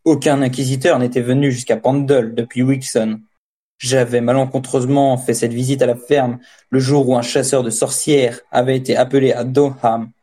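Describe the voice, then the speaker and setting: Mellow-voiced male audiobook narrator. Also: medium pitch. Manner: measured, steady storytelling. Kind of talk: scripted narration.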